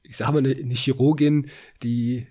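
A young man tells stories from his hospital training on a casual podcast. His voice is husky and his pitch sits in a middle range. He laughs often while telling his anecdotes. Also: moderate pace. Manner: lively storyteller who laughs often. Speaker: podcast co-host, medical student.

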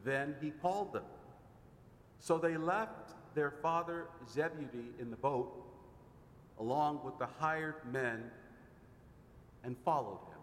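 A man serving as deacon, reading the gospel aloud in a slow, measured proclamation, with a cathedral echo around his voice. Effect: cathedral echo, long church reverb. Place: large church. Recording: echoey church hall with faint rumble.

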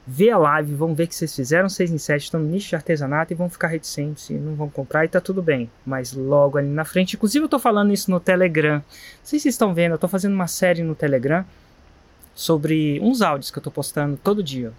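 Talking fast in a voice on the high side, a live-stream host with a Brazilian Portuguese accent wanders casually between stories in an earnest, digressive way. He is in a quiet spot at a guesthouse.

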